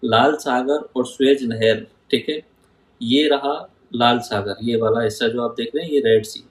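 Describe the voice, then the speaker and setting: A man's voice: medium pitch, steady tone, moderate pace, roomy sound, poor audio. A man teaching geography over a map, asking his students questions and answering them himself. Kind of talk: map-based lecture.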